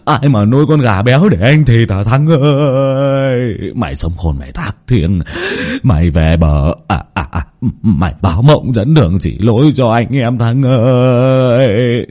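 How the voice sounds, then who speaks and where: A man's voice: a bass voice, fairly even intonation, fast talker, few pauses, darkish tone, husky, pitched below the performer's own voice. A man voicing a young petty thief who overacts grief in a horror audiobook, with theatrical, exaggerated wailing. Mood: fake wailing. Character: petty thief fake-wailing at a friend's corpse.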